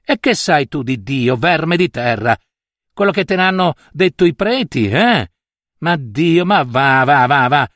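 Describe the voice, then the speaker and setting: A scornful old landowner barks orders and mocks his listener, as a male reader puts him on. The voice rises and falls in lively swings, recorded dry and close for a storybook reading. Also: a little high, a little slow, no echo. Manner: mocking, commanding, brusque.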